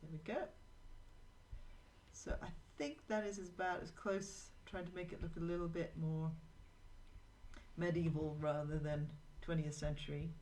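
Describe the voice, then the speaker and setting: A woman with a deep, slightly mellow voice hosts a live drawing show, speaking at a measured pace with long pauses. She chats with viewers and tells rambling anecdotes while she draws. The recording is rough, with slight background noise.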